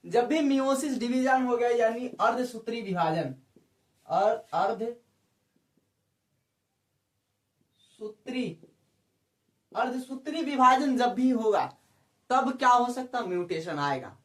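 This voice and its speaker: A man's voice: very high voice, slow pace, long pauses, fairly bright tone. A male biology teacher giving an exam-prep lecture, who keeps asking rhetorical questions, repeats key terms and checks that students follow. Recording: echoey room, speaker far from the mic.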